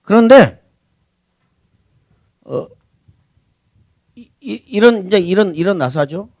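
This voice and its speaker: A man's voice: sits high, expressive, slow, a little mellow, no room sound. A man preaching a sermon as senior pastor, talking conversationally and asking rhetorical questions.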